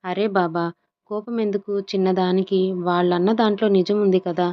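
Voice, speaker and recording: A woman narrator voicing a gentle young wife who soothes and pleads softly. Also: medium pitch, steady tone, moderate pace, dull audio, lightly acted. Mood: coaxing.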